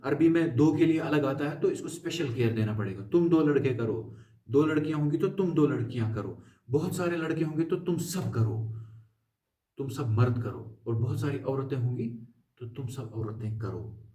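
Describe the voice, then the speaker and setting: A man teaching Arabic grammar, coaxing and pleading with his viewers to memorize as he drills verb forms in quick lists. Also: medium pitch, expressive, warm tone, distant mic. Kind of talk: classroom-style grammar lesson. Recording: echoey room, voice from away from the mic.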